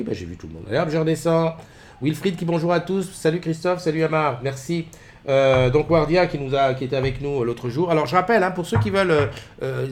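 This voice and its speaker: A middle-aged man hosting a casual morning live stream from home, rambling with many fillers and greeting viewers by name at a desk mic. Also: fairly high pitch. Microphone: desk mic with webcams.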